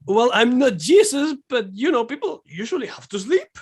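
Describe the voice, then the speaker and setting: A man's voice: very high voice, very animated, normal speed, voice pushed up. A man voicing a hesitant, mild-mannered male church janitor with a curious streak. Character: timid chubby male church janitor in a suit.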